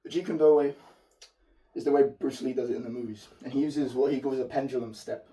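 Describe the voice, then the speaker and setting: A man who is losing his voice and sounds hoarse, giving an informal martial arts tutorial as an instructor demonstrating technique. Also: medium pitch, fairly even intonation, quick pace, mellow. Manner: informal, explanatory, occasional swearing. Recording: distant mic.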